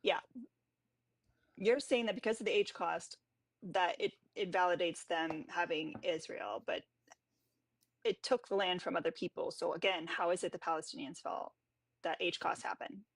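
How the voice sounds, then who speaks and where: Woman hosting a live stream, lowish voice, lots of ums, dry close sound. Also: moderate pace, dry recording. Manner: chatty, filler-heavy. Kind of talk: casual live stream chat.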